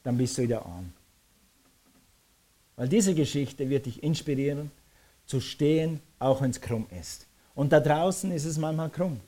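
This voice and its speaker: A man preaching a lively sermon, acting out scenes as he speaks. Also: on the high side, a little slow, long pauses. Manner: animated preaching, acts out scenes. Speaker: pastor.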